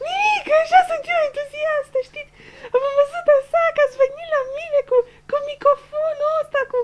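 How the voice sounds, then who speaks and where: A woman's voice: very high voice, fairly even intonation. A woman playing a giddy, tearful young reality-show winner who stutters, repeats syllables and keeps losing her words. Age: young adult. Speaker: interviewee. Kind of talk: comedic sketch acting.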